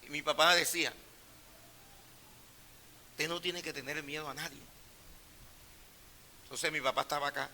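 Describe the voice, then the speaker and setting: A middle-aged male pastor preaching a sermon, telling personal stories in a hushed voice and rising to loud, emphatic preaching. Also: a little high, fairly even intonation, moderate pace, pauses often, a little hiss or hum.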